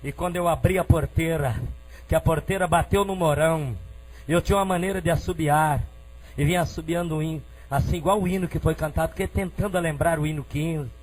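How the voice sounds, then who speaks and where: A middle-aged Brazilian man preaching his testimony, moving between quiet storytelling and shouted praise. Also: a little high, fairly quick, faint music behind, low-quality recording. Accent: Brazilian Portuguese.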